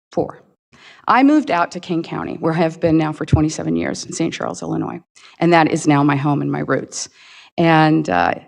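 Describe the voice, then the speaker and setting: An older woman, a retired teacher from Indiana, delivers a prepared campaign statement to a public forum. Her voice sits a little low, and she talks in an earnest, halting way, pausing on fillers and restarting her phrases. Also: vocal fry, a little mellow. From Indiana, USA. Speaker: county board candidate.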